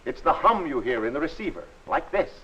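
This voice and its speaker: A man narrating a 1940s instructional film in a friendly, instructive and measured way. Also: a little high, sing-song, very noisy. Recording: dull old film soundtrack.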